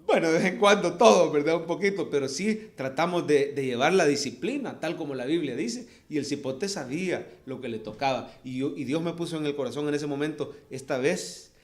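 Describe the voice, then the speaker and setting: A middle-aged man with a Salvadoran accent preaching a sermon, moving between soft storytelling asides and rising calls to the congregation. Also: on the high side, expressive, brisk, few pauses. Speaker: pastor.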